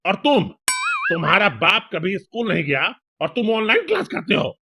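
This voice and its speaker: A man voicing a teasing village friend in a cartoon comedy, bantering in quick mocking jabs, with music playing behind. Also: high voice, wildly swooping pitch, heavy background noise, full character voice.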